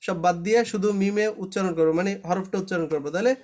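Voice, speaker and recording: A man's voice: high voice, fairly even intonation, rapid-fire, darkish tone. A man teaching Quran recitation in a live online class, patient and repetitive, often checking that students understand.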